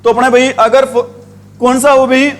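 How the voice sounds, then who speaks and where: A man with a very high voice and flat delivery runs an English grammar class in Hindi. His questioning is repetitive, call-and-response, and he drags out the words he spells.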